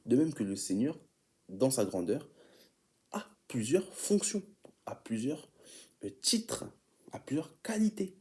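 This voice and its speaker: A man's voice: mid-range voice, very animated, slow pace, pauses often, darkish tone. A man preaching an informal teaching sermon, often stumbling and repeating words as he reads definitions aloud and calls his listeners beloved.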